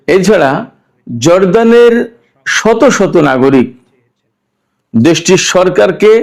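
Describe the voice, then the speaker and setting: A man hosting a news commentary show, speaking in a measured, deliberate way and asking rhetorical questions. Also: on the high side. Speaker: host.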